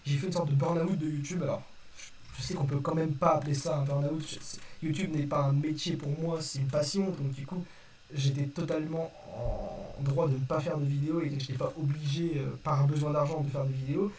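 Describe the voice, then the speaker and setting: A man's voice: on the high side, fairly even intonation, a little fast, a little mellow. A young man giving a casual, unscripted explanation to his viewers in a hesitant, apologetic, self-correcting manner. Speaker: video creator addressing viewers. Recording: distant roomy mic with faint noise.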